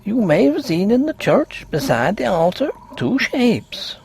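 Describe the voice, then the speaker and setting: A man voicing a superstitious old peasant housekeeper, a stubborn woman with a husky high voice and rustic, foreboding speech in a ghost story. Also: sing-song, unhurried, a little mellow, heavily acted. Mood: ominous, hushed. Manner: rustic dialect, guarded and foreboding.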